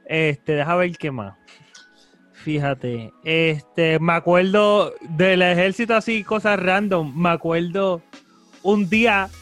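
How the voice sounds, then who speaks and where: A laid-back man with a fairly high voice, chatting casually on a podcast. He talks in loose, informal slang. Faint music sits behind him. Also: a bit bright. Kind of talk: casual chat.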